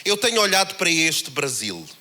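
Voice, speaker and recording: A man with a European Portuguese accent preaching a sermon, in a conversational, animated way that acts out the voices he quotes. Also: a little high, normal speed. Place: church held in a cinema.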